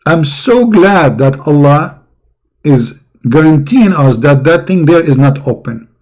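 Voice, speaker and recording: A man's voice: a little high, lively intonation, a little slow, a little mellow. A man giving sarcastic, mocking religious commentary, saying he is losing his voice.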